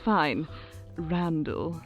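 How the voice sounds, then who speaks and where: In an audio drama, a woman gives a full character voice as a regal, self-adoring overlord hosting her own radio show, theatrical, condescending and grandly gracious. She speaks low and draws out her words. The audio is dull, with faint music behind her.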